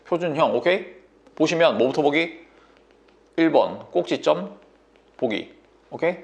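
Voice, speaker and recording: A man running a math lesson in blunt, casual speech, forever checking whether the student follows. His voice is gravelly and a bit high, and it swings up and down with energy. His throat is sore. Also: expressive, unhurried. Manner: bossy, coaxing banmal, constant checks like "인정?" and "됐니?". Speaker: math tutor.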